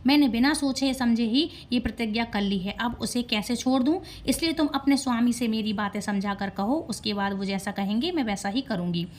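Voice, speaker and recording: A woman voicing a calm and powerful goddess who speaks in measured, dignified lines. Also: a little high, a little hiss or hum, close to an everyday voice.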